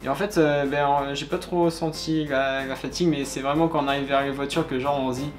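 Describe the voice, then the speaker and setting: A man's voice: mid-range voice, steady tone, fairly quick. A man recounting an outing casually, in loose colloquial phrases. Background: soft guitar music.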